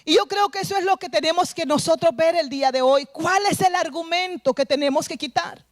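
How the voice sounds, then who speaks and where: Very high-voiced woman pastor preaching. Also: brisk, dry recording. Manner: earnest preaching, retelling scripture and exhorting the congregation. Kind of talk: sermon. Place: church service.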